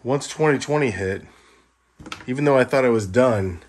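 A middle-aged man from Los Angeles narrating a tour of the video store he built at home, in a relaxed, wry, matter-of-fact way. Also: mid-range voice, moderate pace. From Los Angeles, California.

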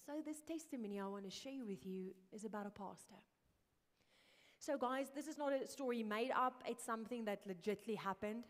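A woman's voice: fairly high pitch, normal speed. Earnest woman preaching. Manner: earnest, drops to hushed whispers. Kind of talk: sermon. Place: church hall. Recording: reverberant church hall.

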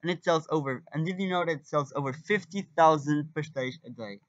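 A teenage boy serves as student presenter and guide in an amateur documentary, speaking English with a Portuguese accent. His voice is a little high for a man and fairly quick. The recording is dry and dull, with hardly any room sound.

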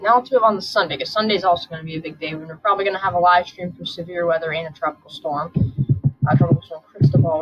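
A woman with a sore throat, just woken up, hosting a casual weather forecast and thinking aloud as she goes. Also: on the low side. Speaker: channel host. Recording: dull lo-fi recording with soft background music.

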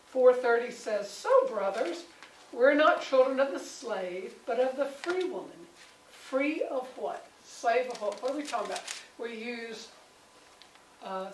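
A woman leading a conversational Bible study with a small group, animated and acting out the voices she quotes. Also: fairly high pitch. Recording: roomy, distant mic, faint background noise.

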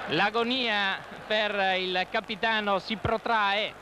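A man from Italy giving excited, emotional football goal commentary, dramatic and repeating himself. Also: high-pitched, takes it slowly. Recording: loud stadium crowd noise, 1990s TV broadcast. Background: football stadium crowd.

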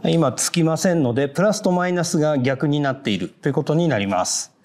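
A man giving a polite, measured, step-by-step how-to narration on fitting car parts, marking each step with a short "hai". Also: on the high side, expressive, a little mellow. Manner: polite, measured, repeats "hai" between steps. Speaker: product installation instructor.

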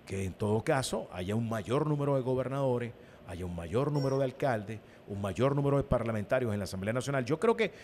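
A man's voice: mid-range voice, animated, fairly quick, darkish tone, slight background noise. A Venezuelan man, an opposition party leader, speaking as a guest in a political interview, emphatic and given to repeating his words.

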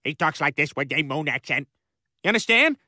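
An actor voicing a bumbling cartoon family man who rambles with many fillers and bursts into shouting. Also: high-pitched, lively intonation, moderate pace, dry recording, studio quality. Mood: exasperated.

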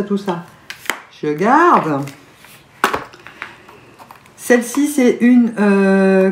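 With a mid-range, darkish voice, a woman with a French accent gushes and laughs frequently in a casual beauty vlog chat. The room sounds echoey and there is faint noise.

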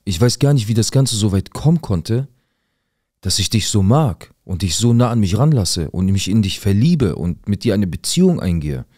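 A man's voice: lowish voice, big pitch swings, moderate pace, mellow, dry recording. A man voicing a worried teenage girl who pleads and warns her boyfriend, recorded dry and close. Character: anxious teenage girl, secretive girlfriend.

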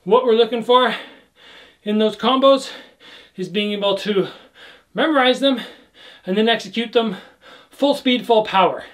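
A young man, a kickboxing instructor, leads a workout in a small indoor room with trophy shelves, energetically calling out combinations as he demonstrates the moves. His voice sits high, and he's unhurried, pausing often.

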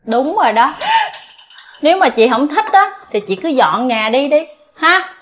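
An actress playing a sharp-tongued, scornful young sister-in-law with a Southern Vietnamese accent, taunting. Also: female voice, high-pitched, very animated, a little slow, a little hiss or hum.

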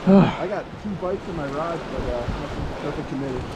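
A young man, joking loudly and hollering at the fish while fishing off a pier at night. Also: fairly high pitch, brisk. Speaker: fishing buddy. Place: outdoors on a lake pier at night. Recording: loud wind and water noise.

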